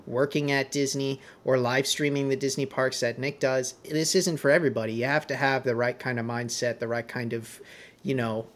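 A man's voice: medium pitch, little pitch movement, normal speed. A man hosting a podcast, talking casually and often restarting and repeating his words as he wraps up the episode. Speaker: podcast host.

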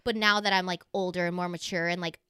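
A woman in her twenties in casual chat, animated and reflective, with lots of "like". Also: on the low side, fast talker, clean tone, no echo, clean studio sound. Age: 20s.

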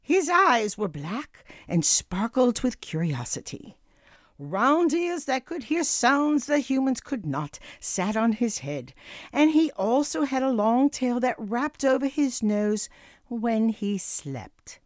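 Female children's storyteller: unhurried, very melodic scripted narration, expressive and deliberate. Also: fairly high pitch, no room sound, clean studio sound.

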